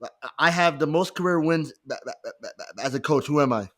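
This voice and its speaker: A man with a slightly high voice reads trivia questions to his co-hosts on a casual podcast. He hesitates, stumbles and restarts as he reads. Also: fast, a bit bright.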